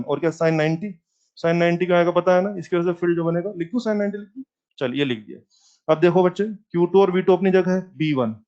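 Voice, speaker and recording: A man's voice: fairly high pitch, a little mellow, dull audio. A man teaching a physics lecture who asks questions and answers them himself, mixing English terms into Hindi.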